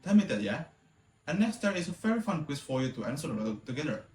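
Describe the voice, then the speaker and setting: A man's voice: a little high, very animated, fast, a little mellow, a little hiss or hum. Young man recapping a lesson, roomy. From Indonesia. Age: young adult. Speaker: student presenter.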